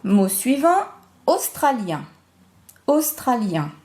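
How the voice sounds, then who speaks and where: A woman teacher giving a remote phonics lesson to young children, slowly spelling out syllables and sounds. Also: fairly high pitch, big pitch swings, darkish tone. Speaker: primary school teacher.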